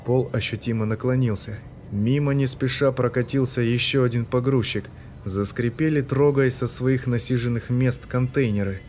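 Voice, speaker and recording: A man narrating a science fiction audiobook in a steady, even reading voice. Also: mid-range voice, moderate pace, slight background noise. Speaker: audiobook reader. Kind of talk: scripted narration.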